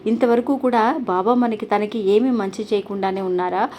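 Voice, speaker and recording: A woman's voice: mid-range voice, fairly even intonation, normal speed, darkish tone, slight background noise. A woman hosting a devotional channel, telling a story in an earnest, polite way with frequent restarts.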